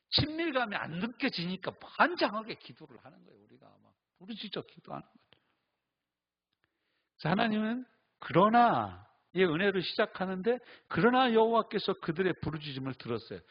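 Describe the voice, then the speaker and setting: Male pastor preaching, husky voice, pitch all over the place, kinda muffled lo-fi sound. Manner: animated storytelling, acts out quoted voices and laughs. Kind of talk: sermon at a Friday night service.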